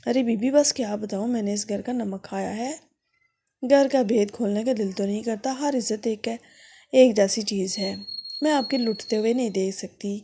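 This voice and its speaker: A worried female house maid, voiced by a woman in a storybook tale. She whispers her secrets in a confiding, pleading way. Her voice is husky and mellow, with a gravelly grain. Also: mid-range voice.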